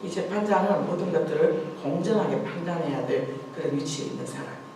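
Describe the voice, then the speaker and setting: A woman's voice: deep voice, fast talker, mellow. A woman pastor delivers a sermon in a church, retelling a story with earnest emphasis and repeated rhetorical questions. Her voice sits in a heavily reverberant hall and is picked up from some distance, with a faint hiss in the background. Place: church sanctuary.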